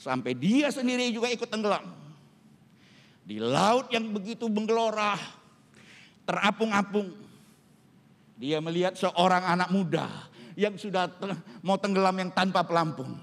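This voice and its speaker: A man in his fifties preaching a sermon, telling a story in an animated way with vivid sound words and a dropped voice on his tag words. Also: high voice, moderate pace, pauses often. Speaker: pastor. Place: church. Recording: reverberant church hall.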